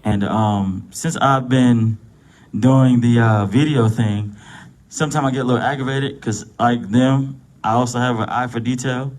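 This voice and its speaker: Man, 30s, talk show guest, relaxed, lots of "um" pauses. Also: medium pitch. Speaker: guest, photographer and barber. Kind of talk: casual talk show chat.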